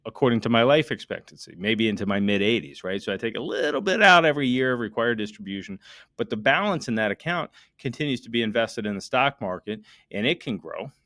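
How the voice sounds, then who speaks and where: This estate planning attorney, a middle-aged American, has a mid-range voice captured at studio quality with no echo. Addressing listeners directly, he explains his subject emphatically, calculating figures aloud and peppering the talk with rhetorical questions.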